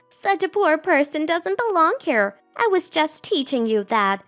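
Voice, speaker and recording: A woman's voice: very high-pitched, sing-song, slow, fairly bright tone, soft background music, voice pushed up, heavily acted. A woman voicing an arrogant young female bank clerk who mocks and laughs crudely, in a story narration. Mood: smug mocking. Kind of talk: storytelling narration with acted quotes.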